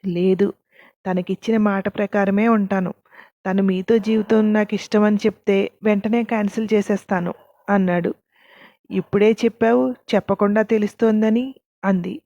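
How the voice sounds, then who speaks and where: A woman narrating a scripted story, reading every character's lines in the same even narrating voice. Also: medium pitch, no room sound, highs cut off.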